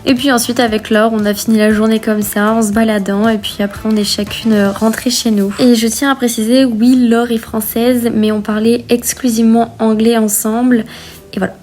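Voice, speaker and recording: A woman's voice: fairly high pitch, little pitch movement, moderate pace, a little mellow, roomy sound, soft background music. A young woman from France, a student vlogger, chatting with enthusiasm in a casual vlog. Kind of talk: casual vlog talk to camera.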